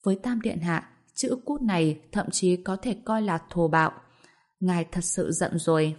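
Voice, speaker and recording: A woman narrating a fantasy novel aloud in an even, storytelling manner. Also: lowish voice, normal speed. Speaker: audiobook narrator.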